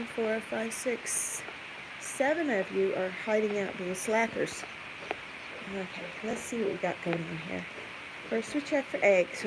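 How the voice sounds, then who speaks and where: On a casual livestream, a woman with a creaky, higher-pitched voice rambles and thinks aloud while doing chores around the barn and chicken coop, cooing questions at the animals and chatting to viewers. It's a noisy handheld phone or camera recording, full of clucking chickens, a rooster and farm ambience.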